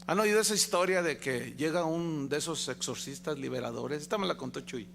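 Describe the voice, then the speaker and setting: A man's voice: a little high, a little fast, creaky, background noise. A male pastor with a Mexican accent preaching a sermon, emphatic and full of rhetorical questions to the congregation. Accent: Mexican Spanish.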